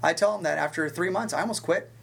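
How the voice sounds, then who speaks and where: A man talking as a guest in a casual interview, telling stories from his working life in an animated way, with big swings in pitch and quick restarts. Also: gravelly, breathy edge. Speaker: fitness instructor and guest. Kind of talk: storytelling in a conversational interview.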